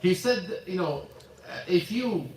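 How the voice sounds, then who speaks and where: A man with a high-pitched, animated voice speaks slowly while teaching a casual religious class in a mosque hall. He uses broken English and repeats himself frequently, and the mic is far off in the echoey room.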